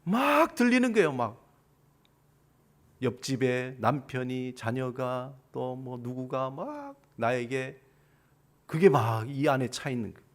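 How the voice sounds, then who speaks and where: A man's voice: medium pitch, big pitch swings, slow pace. A middle-aged man preaching a sermon as a pastor. He speaks straight to his congregation with questions and acts out the voices of others in quoted lines.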